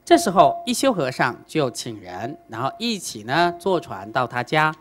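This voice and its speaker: Animated woman telling a Buddhist story. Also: rumbling low, normal speed. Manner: animated storyteller, frequent rhetorical questions. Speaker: Buddhist lecturer. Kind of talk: dharma talk with storytelling.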